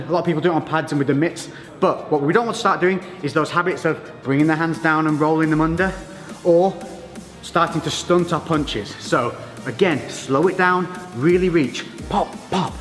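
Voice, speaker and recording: Male boxing coach, slightly high voice, informal step-by-step workout instruction, reverberant space. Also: fairly bright tone. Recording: echoey reverberant room with music.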